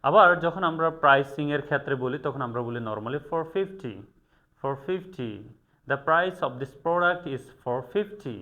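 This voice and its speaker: A man teaching English in a video lesson, repeating words slowly to drill their pronunciation. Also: a little high, bright, forceful tone, lo-fi sound. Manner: slow and repetitive, drilling pronunciation.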